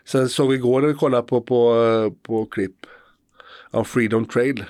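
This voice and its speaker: A man's voice: medium pitch, fairly even intonation, darkish tone, no echo, studio quality. Swedish man hosting a casual podcast chat. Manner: hesitant, many fillers and restarts. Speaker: podcast host.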